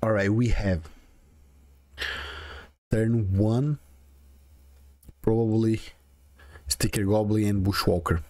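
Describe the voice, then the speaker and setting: Slow and steady, with frequent pauses and a dark tone, a low-leaning male voice comes through with no room sound. The speaker, a gaming video creator in his forties with a strong Brazilian Portuguese accent, casually narrates his own card game, chatting and thinking aloud.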